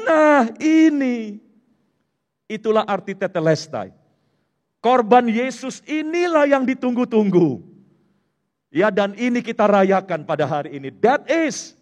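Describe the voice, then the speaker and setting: High-voiced male pastor preaching in a hall. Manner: explanatory preaching, mixing in English terms. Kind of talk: sermon. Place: church. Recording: long hall reverb.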